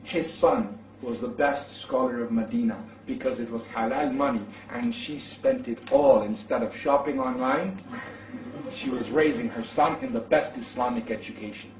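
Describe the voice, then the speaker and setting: A man's voice: mid-range voice, moderate pace, a little hiss or hum. A man preaching, who tells a story with energy and acts out its dialogue. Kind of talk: sermon storytelling. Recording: echoey, from far off the mic.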